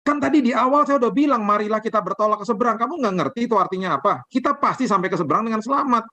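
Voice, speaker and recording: A man playing an exasperated Jesus who scolds his fearful disciples loudly. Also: fast, creaky, full character voice. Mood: exasperated scolding. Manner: loud, scolding, raised pitch.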